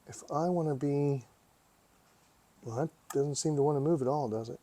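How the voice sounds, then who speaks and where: At a normal speed, a man with a highish, dark-toned voice tinkers and comments casually for his hobby repair vlog. He reflects aloud, talking to himself and often putting questions to himself.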